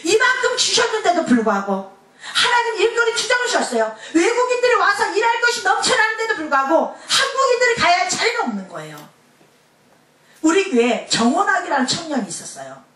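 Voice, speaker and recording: Woman pastor, high lively voice, preaching, echoey church hall heard from a distance. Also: fairly quick. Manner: animated preaching, dropping to a soft hush for quoted lines. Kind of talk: Sunday sermon. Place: church sanctuary.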